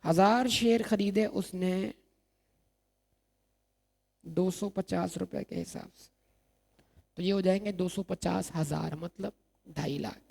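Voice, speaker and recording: A man's voice: high-pitched, takes it slowly, gravelly, long pauses, a little mellow, breathy edge. A man lecturing on accounting, asking the class questions and answering them himself while repeating key terms. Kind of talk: recorded exam-prep lecture.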